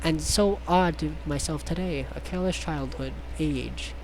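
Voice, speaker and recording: A casual game streamer reads a visual novel aloud in a mid-range, slightly mellow voice at an unhurried pace. He stumbles over the text and tosses in sarcastic, joking asides and swearing. The recording is low quality, with faint noise in the background.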